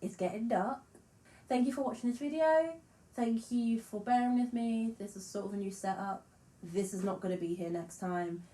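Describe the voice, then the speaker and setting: A woman's voice: fairly high pitch, moderate pace, mellow, reverberant, poor audio. A woman musician with a slight lisp, chatting casually to camera in a frank, self-deprecating way and swearing freely. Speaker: musician vlogger.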